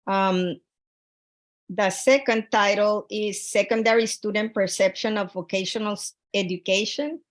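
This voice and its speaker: A woman from Honduras lays out her study over a video call, earnest and methodical. Her voice sits at a middling pitch, and she keeps stopping to restart phrases and fill gaps with "uh" and "um.". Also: steady tone, unhurried. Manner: earnest, with frequent fillers and restarts. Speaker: graduate student presenting a research proposal.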